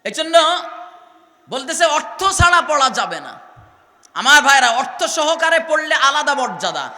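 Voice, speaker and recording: A man with a Bangladeshi Bengali accent giving an Islamic sermon, calling questions out to the crowd and spelling out letters slowly. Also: extremely high pitch, sing-song, bright, forceful tone. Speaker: preacher.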